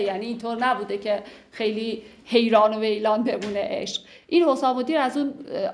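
A woman with a fairly high voice teaches classical poetry. She recites the verses slowly and with care, then explains them in an easy, conversational way. Her delivery moves between measured recitation and lively everyday talk.

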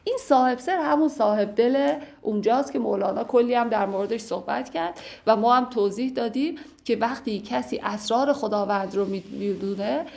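A woman teaching a class, explaining classical poetry line by line with patient, lightly humorous commentary and slow recitation of verses. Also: a little high, creaky, darkish tone. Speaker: literature teacher.

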